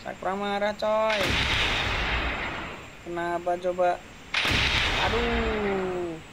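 Brief: male gaming YouTuber, high voice, keeps exclaiming over loud game effects. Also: slow pace, very noisy. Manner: excitable, exclaiming and repeating himself. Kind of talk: excited gameplay commentary.

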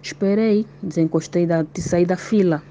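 A woman recounts events in a steady, detailed voice message. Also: fairly low pitch, normal speed. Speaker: prisoner's wife giving testimony. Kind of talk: recorded voice-message account. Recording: dull lo-fi voice note, faint noise.

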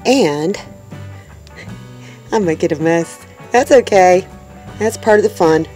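Chatty and upbeat, this woman homestead vlogger talks casually to her audience as folks while demonstrating cooking step by step in a small tiny-house kitchen. Her voice is fairly low, slow and warm, and faint music plays behind her.

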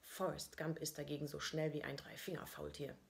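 A woman's voice: low voice, flat delivery, brisk, creaky. A woman reading her own first-person diary-style story aloud in a dry, ironic manner.

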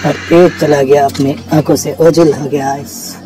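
A man hosting a toy video, narrating his play with cars and figures in an excited, repetitive, exclamatory way. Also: on the high side, unhurried, soft background music, rough recording. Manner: exclamatory, repeats words to show excitement.

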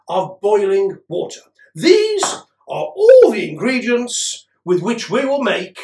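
A middle-aged man playing a pompous King Henry VIII as a cookery demonstrator, with archaic, deliberate phrasing and dramatic pauses, recorded in a room from a distance. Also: high voice, exaggerated voice. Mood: pompous, puzzled. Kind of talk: mock-Tudor cookery demonstration to camera. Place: indoor room with cloth backdrop. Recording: roomy, distant camera microphone.

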